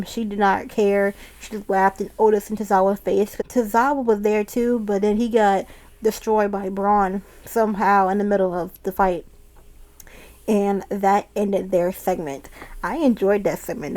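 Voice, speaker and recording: A woman's voice: medium pitch, a little mellow. A woman casually recapping a wrestling show, chatty and often laughing as she retells it.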